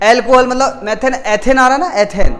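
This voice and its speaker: A man's voice: extremely high pitch, steady tone, brisk, a bit bright. A man teaching a chemistry lesson in casual classroom talk, who asks a question and then answers it himself, repeats key words, and often corrects his own slips. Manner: frequent self-corrections.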